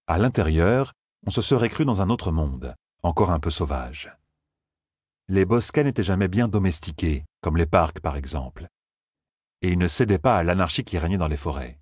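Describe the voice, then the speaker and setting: A man reading an audiobook in a calm, measured storytelling manner. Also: sits low, breathy edge, dry recording, clean studio sound. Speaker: narrator. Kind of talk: audiobook narration.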